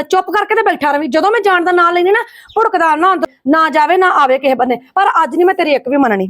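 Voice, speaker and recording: A woman rattles off sharp scolding lines as an angry mother in a family drama. Her voice sits high and her pace is fast. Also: no room sound. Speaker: lead actress, angry mother. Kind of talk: scripted family drama acting.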